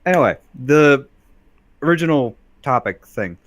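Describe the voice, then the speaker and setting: A man's voice: mid-range voice, lively intonation, a little slow, no echo. A young man co-hosting a game playthrough, rambling through points with many fillers and repeated phrases. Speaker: co-host of let's play. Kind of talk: casual let's play banter.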